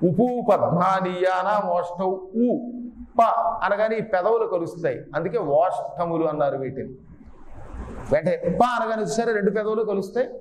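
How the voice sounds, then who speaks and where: A man with a Telugu accent giving a spiritual lecture. He chants verses slowly, explains them and asks his listeners questions. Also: high voice, expressive, darkish tone. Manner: asks the audience questions and has them repeat sounds. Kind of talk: devotional discourse. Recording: echoey hall, faint noise.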